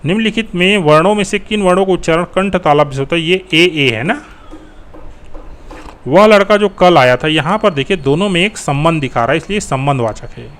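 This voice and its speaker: A man's voice: fairly high pitch, expressive, brisk, a bit bright. A male teacher walking through exam answers in a conversational, think-aloud way.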